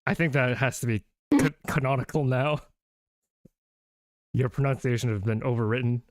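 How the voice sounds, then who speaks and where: Male quiz host on a call, mid pitch, dry close sound, chatty and self-deprecating. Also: moderate pace, no room sound. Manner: self-deprecating, thinks aloud with restarts. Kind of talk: casual streamed quiz chat.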